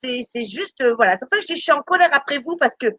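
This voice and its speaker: Woman, high and bright, indignant live-stream rant, stammers and repeats herself. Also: animated, racing, no echo, muffled recording. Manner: indignant, scolding. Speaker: charity volunteer speaking on a live stream.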